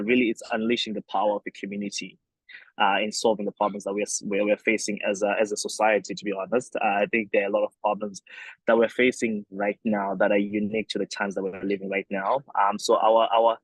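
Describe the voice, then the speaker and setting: A young Zimbabwean man who founded a company answers interview questions thoughtfully, with many fillers and restarts. His voice sits on the low side, and the audio is poor though free of echo.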